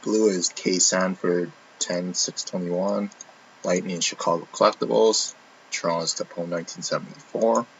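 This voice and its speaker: A man's voice: sits low, fairly even intonation, moderate pace, vocal fry, a bit bright. A man hosting a live trading-card box break, casually reading out a long list of teams and names, correcting himself often. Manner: reads off a long list of names, with frequent restarts. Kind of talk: casual live-stream commentary. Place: indoor room. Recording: dull lo-fi stream audio with faint noise.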